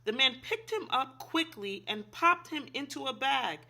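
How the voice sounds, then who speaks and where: In a high, animated voice with a sharp tone, a woman reads a children's picture book aloud at a measured pace. She reads expressively and instructively, like a teacher or storyteller, asking young listeners simple questions.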